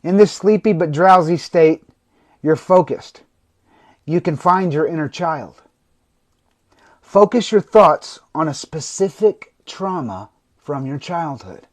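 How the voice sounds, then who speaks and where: Slow-spoken man guiding a meditation. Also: on the high side, expressive. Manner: slow, soothing, instructional. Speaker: host of a livestream. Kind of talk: guided meditation talk on a livestream. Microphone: phone or computer mic for a livestream.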